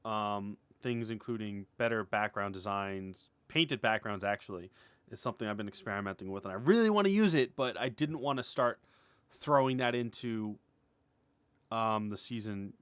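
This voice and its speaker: In a casual, unscripted update vlog, a man who animates and makes a web series speaks in a lowish, fairly bright voice with no room sound. He's halting and rambling, cutting himself off, frequently chuckling and clearing his throat, and candid with some mild swearing.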